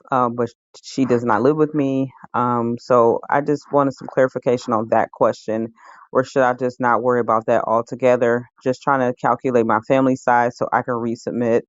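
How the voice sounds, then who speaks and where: A man speaks in a recorded voicemail, asking his question haltingly with many pauses and ums. The sound is dull and lo-fi, with no room echo at all. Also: mid-range voice. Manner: hesitant, frequent ums. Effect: recorded voicemail message. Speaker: caller.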